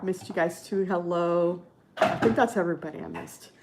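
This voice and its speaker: Low-voiced Californian woman chatting casually. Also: normal speed, heavy background noise. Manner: peppers speech with "like" and "you know". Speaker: livestream host. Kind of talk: casual live chat with viewers.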